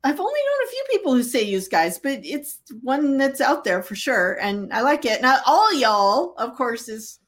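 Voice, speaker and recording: Lively chatty Canadian-raised woman host. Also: sits high, normal speed, hardly any pauses. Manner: chatty, laughs often. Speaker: podcast host. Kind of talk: casual live-stream interview.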